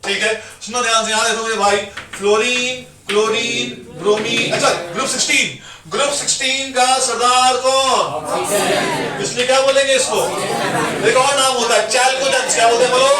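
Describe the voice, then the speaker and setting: A man's voice: extremely high pitch, normal speed, roomy sound, far from the mic, over a noisy crowd. A male teacher leading a chemistry class in call-and-response, chanting mnemonics in a sing-song way and joking with his students.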